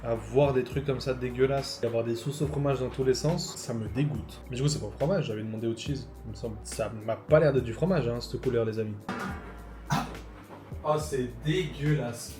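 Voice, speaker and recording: A young man, animated, tasting fast food in a casual vlog and swearing loudly at bad food. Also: medium pitch, music in the background, rough recording. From Switzerland. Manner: animated, loud bursts of disgust, swearing. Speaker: food vlogger.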